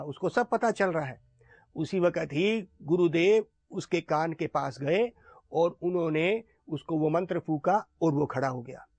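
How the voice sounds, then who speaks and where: A man telling a moral story in a sermon, narrating in an animated, dramatic way. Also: sits high, no room sound. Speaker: monk storyteller.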